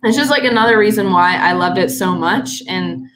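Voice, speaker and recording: A young woman from Canada chats casually as a guest, her talk full of fillers and small laughs. Her voice sits mid-range. Steady noise runs under the recording. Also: medium pitch, moderate pace. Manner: chatty, filler-heavy, laughs easily. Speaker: guest swimmer. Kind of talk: casual chat.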